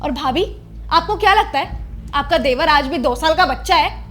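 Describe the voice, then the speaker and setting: A woman's voice: high-pitched, expressive, moderate pace, a bit bright. A woman playing an indignant young wife who confronts her sister-in-law in a scripted family drama. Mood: scolding. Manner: confrontational, scolding.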